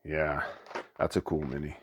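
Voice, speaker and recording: A man hosting a board game channel, chatting excitedly as he unboxes a new game and thinks aloud. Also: a bass voice, unhurried, background noise. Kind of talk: casual unboxing commentary.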